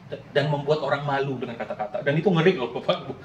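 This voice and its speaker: A man's voice: medium pitch, rapid-fire, reverberant, slight background noise, rough recording. A man in his late thirties preaching a sermon in an earnest, conversational way, often addressing the congregation directly. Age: late 30s. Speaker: pastor.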